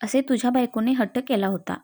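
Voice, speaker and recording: A cheerful, affectionate mother in a family story, with a fairly high, mellow voice, as a woman narrator puts her on. She speaks fondly, with a laugh behind her words. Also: brisk. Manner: fond, laughing tone.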